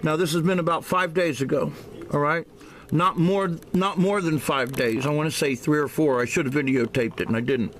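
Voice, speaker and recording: A man's voice: on the high side, fairly even intonation, fairly bright tone. A man explaining casually to a camera at home, hesitant and repetitive, his speech a little slurred from a swollen mouth. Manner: hesitant, halting, often repeating himself. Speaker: amateur video blogger. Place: indoors at home by a window. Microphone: handheld camera microphone. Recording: noisy handheld camera recording.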